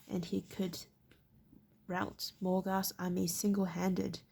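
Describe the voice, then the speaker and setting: Brief: a woman doing a wry, grumbling nobleman in a read-aloud storybook, gravelly tone. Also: lowish voice, little pitch movement, slow pace, a little mellow, full character voice.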